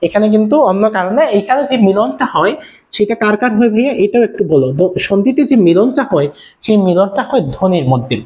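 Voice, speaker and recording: A young man from Bangladesh teaching an online class, repeating his points and firing quick questions at his viewers. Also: sits high, expressive, a little mellow. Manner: fast, repetitive, calls out questions to viewers. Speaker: online tutor. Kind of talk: live-streamed class lecture. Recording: dull lo-fi stream audio.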